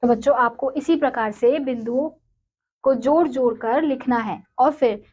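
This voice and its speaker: A woman's voice: high-pitched, moderate pace, darkish tone, husky. A woman teaching young children to read and write, patiently sounding out syllables one by one before blending them into words. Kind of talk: slow, syllable-by-syllable children's writing lesson.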